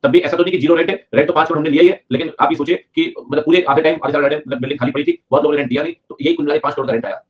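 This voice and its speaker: A young man from Delhi teaching accounting in a lively lecture, acting out an auditor and a client in playful voices. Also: on the high side, racing, few pauses. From Delhi, India. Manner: animated, acts out auditor and client in funny voices. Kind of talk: lively classroom lecture with acted skits. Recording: dull lo-fi recording.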